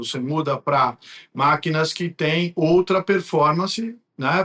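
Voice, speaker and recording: A man's voice: a little high, pushed and bright. A man with a Brazilian accent, an interview guest explaining things in conversation. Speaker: guest from a printing company.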